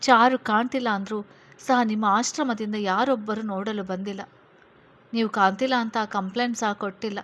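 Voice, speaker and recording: A woman voicing a protective male police officer who reassures a frightened witness in a steady, firm way. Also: mid-range voice, normal speed, close to an everyday voice. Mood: reassuring.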